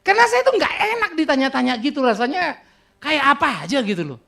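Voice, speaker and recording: A man's voice: very high-pitched, sing-song, fast, gravelly, bright, forceful tone. A middle-aged man with a Batak accent preaching a sermon, telling stories and teasing his congregation. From Indonesia. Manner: storytelling, teasing the congregation, breaks into laughter. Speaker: pastor.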